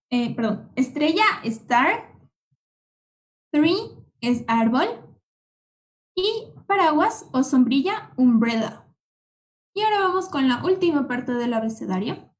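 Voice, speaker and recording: Slow, high-voiced woman teaching the alphabet. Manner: patient, drawn-out letter-by-letter drilling; uses affectionate diminutives. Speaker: English teacher. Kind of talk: slow, repeated children's-style alphabet lesson.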